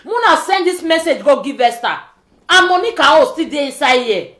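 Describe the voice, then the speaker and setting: Woman, West African accent, pidgin, scolding vlog rant, lively swooping intonation, repeated rhetorical questions, echoey room. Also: high-pitched, a little fast. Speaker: social media vlogger. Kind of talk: informal social media rant in pidgin. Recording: echoey, roomy sound.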